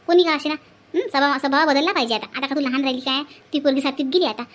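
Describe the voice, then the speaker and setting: A woman's voice: high voice, very fast, a bit bright. A woman voicing an older village woman from who scolds and hands out repeated advice. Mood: lecturing. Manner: scolding, repetitive advice-giving. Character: older village woman, bossy, lecturing elder.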